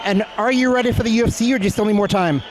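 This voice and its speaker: A man's voice: high voice, racing. A man interviewing conversationally after a fight, friendly and complimentary, explaining things as he goes. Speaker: sports interviewer. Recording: faint urban ambient noise behind.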